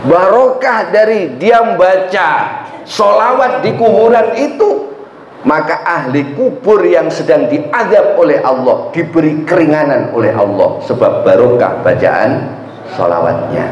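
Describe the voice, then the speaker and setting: Male mosque preacher, lively storytelling sermon, roomy echo, dull lo-fi sound with faint noise. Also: fairly high pitch, measured pace. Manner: lively storytelling, asks the congregation. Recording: echoey, dull lo-fi mosque recording.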